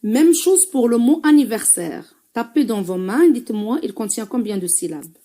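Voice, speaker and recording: A woman teacher with a Moroccan accent giving a French reading lesson, spelling out sounds slowly and carefully, syllable by syllable. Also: on the high side, expressive, warm tone. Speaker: primary school teacher.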